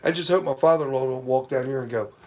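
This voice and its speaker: A man's voice: medium pitch, fast, darkish tone. A middle-aged man hosting a casual late-night live stream from home, telling rambling, profane stories with lots of "you know.". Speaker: livestream host. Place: at home near porch, at night.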